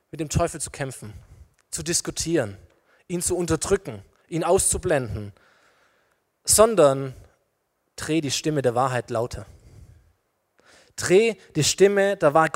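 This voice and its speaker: A man preaching a lively sermon, talking directly to his listeners and illustrating his points with everyday examples. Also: sits high. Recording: long reverb of a large hall.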